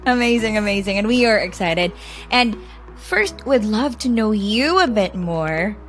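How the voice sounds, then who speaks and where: A woman's voice: medium pitch, lively intonation, unhurried, soft background music. A woman hosting a startup podcast, reading a scripted intro and chatting in an upbeat way over a video call. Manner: upbeat, warm welcomes, light laughter. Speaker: podcast host. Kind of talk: scripted intro and casual interview.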